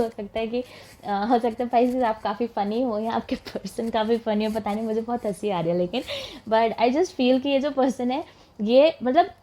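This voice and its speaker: A woman's voice: high voice, mellow. A young woman giving a casual tarot reading, chatting and mixing English phrases into her talk. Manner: chatty, mixes English words into Hindi, laughs as she talks. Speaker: tarot reader.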